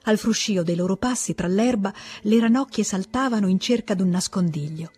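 A woman reading a classic novel aloud as an audiobook, in a calm, measured voice. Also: mid-range voice, breathy edge. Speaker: audiobook reader. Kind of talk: literary audiobook narration.

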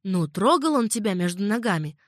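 A woman reading an audiobook, voicing a worldly old female servant who speaks calmly and patiently. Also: medium pitch, fairly quick, dry recording, studio quality. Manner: unruffled, coaxing and patient.

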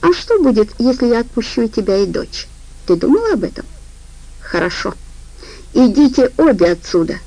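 A woman's voice: a little high, big pitch swings, normal speed, mellow, no room sound, voice pushed up, poor audio. A woman voicing a smug, menacing male crime boss who taunts in a sly sing-song way, in an audiobook.

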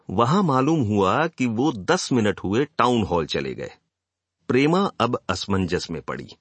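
An expressive male audiobook narrator. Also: lowish voice, no echo. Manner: expressive storytelling. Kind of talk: scripted literary narration.

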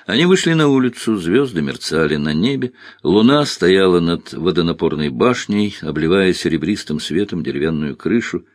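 A man's voice: low-pitched, normal speed, hardly any pauses, dry recording, clean studio sound. A man narrating a novel as an audiobook, reading expressively and voicing the characters. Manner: expressive, voices each character. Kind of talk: scripted literary narration.

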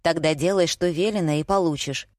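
A calm, concerned male psychologist from an audiobook, as a female narrator reads him. His voice sits fairly low and soothing. The sound is dry and close. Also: brisk, no room sound, natural voice. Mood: firm.

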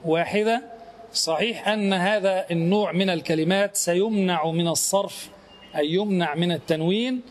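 A middle-aged man gives a grammar lesson in a fairly high voice. He asks the class questions and answers them himself, slowly repeating each key term until it sinks in. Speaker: religious grammar teacher.

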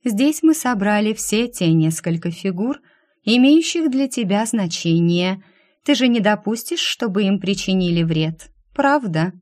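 A woman's voice: mid-range voice, animated, a little mellow, natural voice. Woman doing a sugary demoness of discord. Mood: menacing. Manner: slow, saccharine, mocking.

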